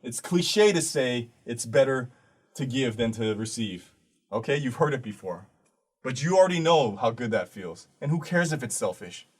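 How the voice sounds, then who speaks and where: A man giving an earnest, preachy motivational monologue straight to the listener, blunt and tired by the end. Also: medium pitch. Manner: earnest, preachy, direct address with blunt swearing. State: tired, voice fading to quiet. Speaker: artist giving a motivational talk.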